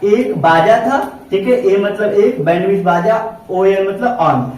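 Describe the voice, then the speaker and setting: A man's voice: high-pitched, a little slow, a little mellow. A male teacher giving a vocabulary lesson in a classroom, asking questions and answering them himself. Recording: very echoey room, distant mic.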